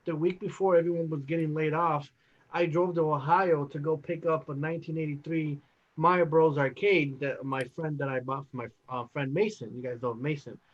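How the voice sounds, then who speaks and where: A man's voice: fairly high pitch, moderate pace. Rambling man on muffled lo-fi audio. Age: 30s. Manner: rambling, excited storytelling. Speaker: podcast co-host. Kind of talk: casual chat. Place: home, Wisconsin. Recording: dull lo-fi audio.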